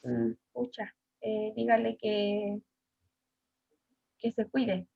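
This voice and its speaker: A woman schoolteacher with a Chilean Spanish accent teaches an online class over a video call, hesitant, using many fillers and questioning her pupils. Her medium-pitched voice is steady, creaky and husky, and she speaks extremely slowly. The video call audio is dull and lo-fi.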